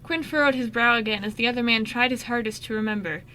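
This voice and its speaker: Reading from a script, a woman narrates an amateur radio play with expression. Her voice is forward, very bright, and pitched slightly high, and she talks fast. The recording quality is low.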